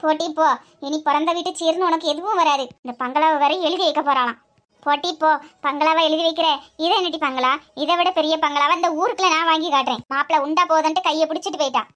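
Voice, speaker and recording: A woman doing a shrill greedy mother-in-law. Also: fast. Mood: cursing. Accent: Tirunelveli Tamil. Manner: scolding, indignant, sharp-tongued. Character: scheming greedy middle-aged mother-in-law. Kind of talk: cartoon comedy voice acting.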